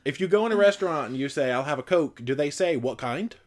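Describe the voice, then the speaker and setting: An American man hosting a casual livestream, reading out viewer comments in an animated, joking way. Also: quick pace. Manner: animated, playful, jumps in pitch when joking. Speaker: livestream host.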